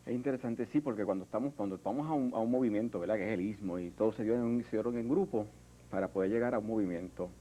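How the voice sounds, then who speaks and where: A Puerto Rican sculptor in an interview, speaking in a reflective, hesitant way with many fillers and restarts. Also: male voice, on the low side, fast, mellow, poor audio. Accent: Puerto Rican Spanish. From Puerto Rico. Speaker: artist, sculptor. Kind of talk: interview conversation.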